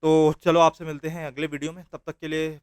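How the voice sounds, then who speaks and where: A man's voice: a little high, level tone, a little fast, smooth, no room sound, studio quality. A young man teaching a trading course in a casual, encouraging way, mixing English phrases into his speech. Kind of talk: casual motivational lesson.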